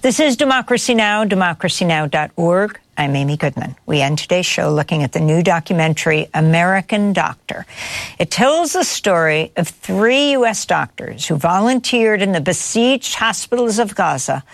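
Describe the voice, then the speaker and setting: Low-voiced woman presenting the news. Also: gravelly, dry recording. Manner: measured, formal delivery with occasional fillers. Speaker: news host.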